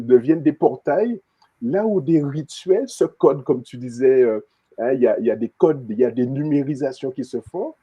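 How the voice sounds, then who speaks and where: Husky dark-voiced male talk host. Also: medium pitch. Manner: rhetorical questions, laughs easily. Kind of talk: hosting a talk show.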